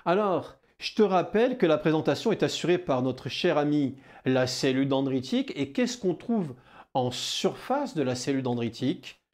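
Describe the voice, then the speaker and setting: A man with a southwestern French accent teaching biology in a lively video lesson, talking straight to the viewer and answering his own questions. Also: fairly high pitch, moderate pace. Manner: animated, addresses the viewer as "kid", rhetorical questions.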